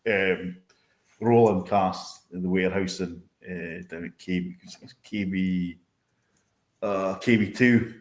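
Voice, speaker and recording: A man in his fifties from north-east Scotland with a Doric accent, chatting casually and ramblingly about the past as an interview guest, using local dialect words. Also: low-pitched. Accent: Doric north-east Scottish. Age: 50s. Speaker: interview guest, whisky industry veteran. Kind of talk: casual chat, reminiscing. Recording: roomy, echoing sound.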